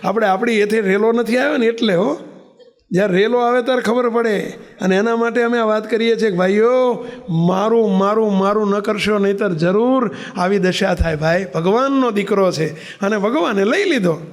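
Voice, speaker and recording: A man's voice: high voice, normal speed. A man giving a sermon, telling a story, acting out its characters and asking the listeners questions. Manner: acts out characters' voices in his stories; asks the listeners rhetorical questions. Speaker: preacher.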